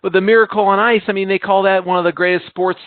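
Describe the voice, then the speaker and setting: Male US podcast co-host, rambling and self-deprecating, a bit high-pitched, tinny narrow sound. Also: steady tone, quick pace, no room sound. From United States. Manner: rambling, self-mocking, laughs often. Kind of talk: casual chat.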